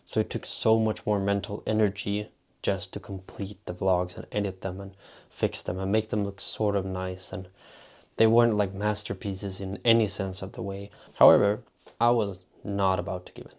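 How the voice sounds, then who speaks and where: Gravelly low-voiced vlogger man. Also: flat delivery, normal speed, darkish tone. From Sweden. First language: Swedish. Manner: rambling, filler-heavy with constant "like". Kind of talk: casual vlog talk.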